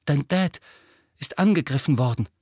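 A man's voice: fairly high pitch, animated, moderate pace, a little mellow, slightly rough, dry recording, clean studio sound. A man voicing a frightened teenage boy wizard who pants and speaks with agitated urgency. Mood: panting. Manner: panting, agitated, insistent.

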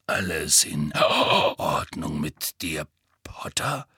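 A man voicing a gruff, grizzled old male wizard who growls low and gravelly. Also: very animated, extremely slow, bright, forceful tone, no echo, studio quality, full character voice. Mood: growling.

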